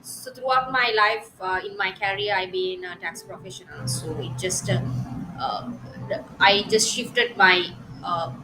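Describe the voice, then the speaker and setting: A woman's voice: mid-range voice, background noise. A woman, speaking as an interview guest over a laptop video call, in a hesitant way with fillers. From Sri Lanka. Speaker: guest, tax professional. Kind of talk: interview answers.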